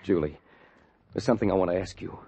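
An actor playing an earnest, easily wounded young small-town sweetheart in an old-time radio drama. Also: male voice, low voice, quick pace, vocal fry, mellow, slightly rough, exaggerated voice. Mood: earnest, tender. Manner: earnest, hesitant.

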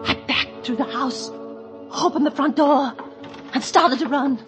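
A frantic, pleading wife. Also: female voice, high-pitched, measured pace. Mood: narrating. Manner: hysterical, pleading, stammering. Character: frantic, scheming wife, a narrator recalling her night. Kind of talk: 1940s radio acting. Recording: old radio drama with music behind.

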